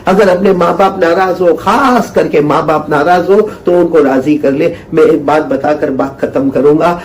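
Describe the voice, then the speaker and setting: A man's voice: fairly high pitch, slight background noise. A man preaching an earnest religious talk, repeating phrases for emphasis and telling a story. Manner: chants Quranic verse slowly. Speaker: Islamic preacher.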